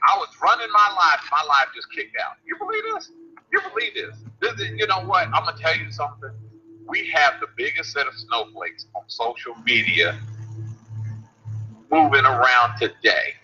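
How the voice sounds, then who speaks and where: Animated man hosting a casual show. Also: on the high side, normal speed, faint music behind. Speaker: host. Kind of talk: casual radio chat. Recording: dull lo-fi livestream audio with faint hiss.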